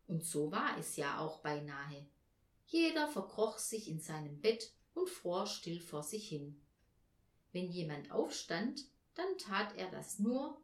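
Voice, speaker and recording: A woman reading a children's Advent story aloud in a gentle, expressive way. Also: fairly low pitch. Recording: echoey room.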